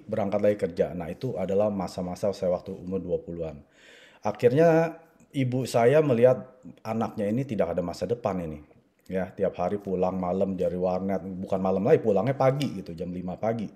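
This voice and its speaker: A man in his forties, originally from Indonesia, recounts his own journey to listeners in a relaxed, conversational way. His voice sits a little low and sounds very dark and mellow. He keeps tagging his sentences with small fillers. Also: a little fast. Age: 40s. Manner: conversational, frequent filler "ya" and "gitu". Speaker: network marketing speaker. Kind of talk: personal story talk to an audience.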